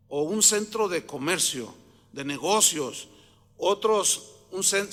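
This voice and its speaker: A man's voice: high-pitched, sharp tone, long reverb tail. A man preaching a sermon with emphasis, often putting questions to the congregation. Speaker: pastor.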